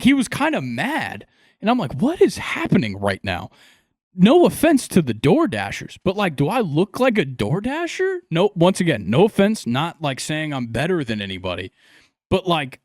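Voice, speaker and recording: A man's voice: on the high side, no echo. Rambling man telling a story, dry sound. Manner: rambling, animated retelling with many fillers and restarts. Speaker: podcast host. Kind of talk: casual storytelling.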